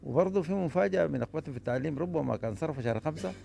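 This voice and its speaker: A man's voice: fairly high pitch, expressive, racing, creaky, mellow. A man with a Sudanese accent, an official speaking informally to staff, recorded with faint background noise. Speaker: government official.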